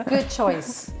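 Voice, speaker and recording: A woman co-hosting a talk show, chatty and quick to laugh. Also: high voice, darkish tone. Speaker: co-host. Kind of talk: casual talk show chat.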